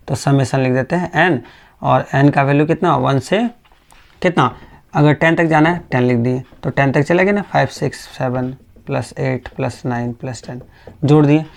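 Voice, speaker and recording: Male physics teacher, gravelly, a little high; slow, patient, keeps checking students follow. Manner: patient, repetitive, checks understanding often; speaks slowly on purpose. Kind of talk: classroom lecture.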